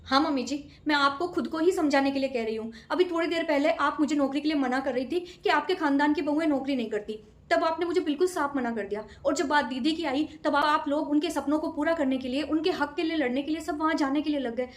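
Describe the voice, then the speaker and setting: A woman's voice: sits high, quick pace, hardly any pauses, slight background noise, natural voice. A woman playing a young, educated daughter-in-law who politely argues and pleads to be allowed to take a job. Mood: reproachful. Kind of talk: comedy skit acting. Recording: echoey room.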